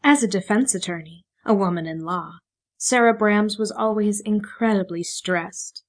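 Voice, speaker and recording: Woman, audiobook narrator, scripted narration, measured delivery, middle pitch.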